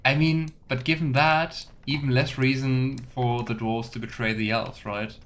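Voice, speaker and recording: With a level, slightly bright mid-range voice at a moderate pace, a male streamer narrates his gameplay casually, speaking to chat and reading in-game text aloud. Quiet video game ambience runs in the background.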